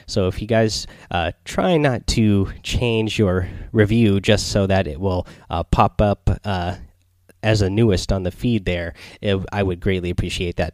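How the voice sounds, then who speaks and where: A man hosting a casual gaming podcast in a quiet, subdued late-night manner, rambling and hesitant as he goes. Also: low-pitched, dry recording. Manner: quiet, subdued late-night delivery, holding back so as not to wake others. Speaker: solo podcast host. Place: small home recording space near bedrooms.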